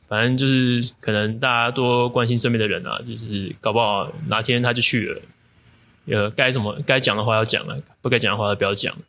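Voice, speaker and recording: A man's voice: mid-range voice, fairly bright tone. A man who works as a fitness coach tells a story in a casual vlog. He speaks Mandarin with a Taiwanese accent and rambles in a joking, crude way, swearing in slang as he goes.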